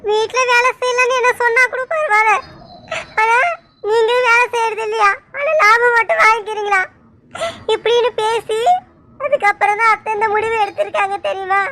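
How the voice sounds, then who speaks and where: A woman doing a hurt young village wife in a cartoon, pouring out long tearful complaints. Her voice is very high and piercingly bright. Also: fairly even intonation, fairly quick, slight background noise. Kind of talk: cartoon voice acting.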